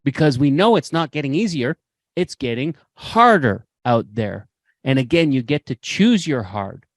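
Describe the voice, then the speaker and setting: A man's voice: mid-range voice, expressive, normal speed, no room sound. A man hosting a podcast, speaking with impassioned, preachy conviction and repeating phrases for emphasis. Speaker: podcast host. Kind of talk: motivational podcast talk.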